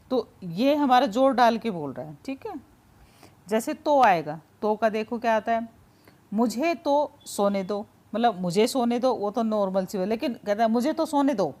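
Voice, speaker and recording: A woman with a fairly high voice teaches a grammar lesson in a relaxed, informal way. She explains patiently, gives many everyday example sentences, and keeps checking in with her students.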